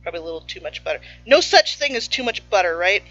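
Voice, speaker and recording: A woman hosts a casual baking stream from her home kitchen, chatty and playful, sometimes talking with her mouth full. Her mid-range voice is sing-song, quick, pushed, and bright with no echo, though the audio is slightly muffled and faint music runs behind her.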